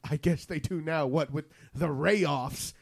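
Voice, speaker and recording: A man's voice: on the high side, unhurried, creaky, husky, no room sound. A man hosting a podcast in casual chat, rambling and joking, acting out lines from ads. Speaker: podcast host.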